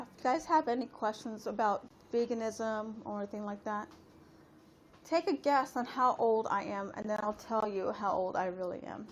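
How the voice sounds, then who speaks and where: Her mid-range voice comes through with a little hiss or hum as she streams live from home. This woman, in her late thirties, talks straight to viewers in a loose, rambling way, full of filler words.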